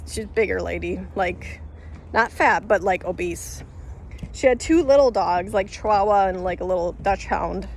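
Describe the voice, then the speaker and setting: Speaking at a medium pitch and normal speed with a darkish tone, this woman vlogger tells a story to camera, and there's a little hiss or hum behind her. Her delivery is casual and rambling, packed with fillers, restarts and self-corrections, and she laughs as she goes.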